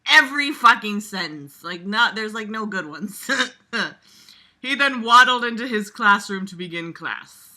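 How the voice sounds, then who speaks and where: An amateur reader and commentator who has a regular audience reads a text aloud in a relaxed way, mocking it as she goes with sarcasm, exasperation and plenty of swearing. Her mid-range voice is bright, animated and forceful, and her pace is a little slow.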